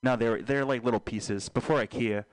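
A young man hosting a casual podcast, talking in a deadpan, absurd joking way with trailing fillers. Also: mid-range voice, moderate pace, clear, resonant tone, no echo. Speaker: podcast host.

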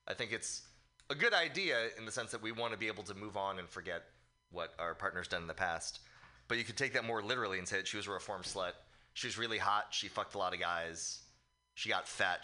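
A man's voice: fairly low pitch, brisk, pushed and bright. A man giving crude, joking feedback on a comedy set. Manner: joking, crude, bluntly critiquing. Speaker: fellow comic giving feedback. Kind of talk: crude casual feedback chat.

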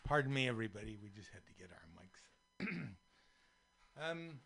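A man in his seventies from San Francisco hosting a community radio talk show, slow and thoughtful with many fillers, in a radio studio. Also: on the low side, big pitch swings, creaky, a bit bright, breathy edge. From San Francisco, USA. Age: 70s. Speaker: radio host.

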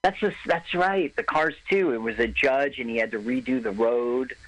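A man's voice: medium pitch, normal speed, a bit bright, poor audio. A man co-hosting a casual film commentary, talking in an opinionated, analytical way.

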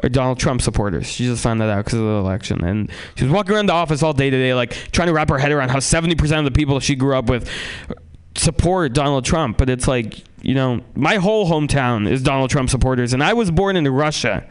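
A man doing a rambling, profane stand-up comedy set on a club stage, swinging between loud outbursts and low mutters. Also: lively intonation, fast, clean tone. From San Francisco, USA.

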